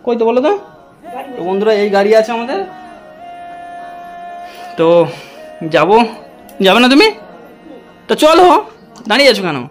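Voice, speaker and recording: A man's voice: sits high, sing-song, moderate pace, long pauses, soft background music. A man chatting to his viewers in a casual vlog, his voice heavy and stuffy from a cold, coaxing and playful. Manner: coaxing and playful with a child, addresses viewers as friends. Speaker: vlogger.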